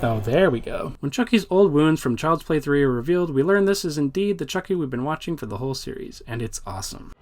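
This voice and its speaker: A man's voice: fairly high pitch, expressive, fast, a little mellow, faint music behind. A man narrating a scripted video essay about film history in a wry, informal way. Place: voice-over recorded off screen.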